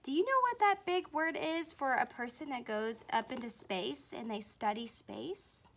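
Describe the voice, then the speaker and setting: A woman teaching a children's phonics lesson, speaking slowly and encouragingly and asking young learners questions directly. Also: sits high, lively intonation.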